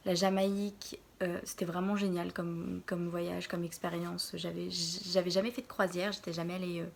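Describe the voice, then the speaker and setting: A young woman in her early twenties from Normandy, answering Q&A questions in a casual vlog from her bedroom, pausing often to think. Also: on the low side, flat delivery, creaky. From France, Normandy. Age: early 20s. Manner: hesitant, pauses often to think. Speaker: vlogger.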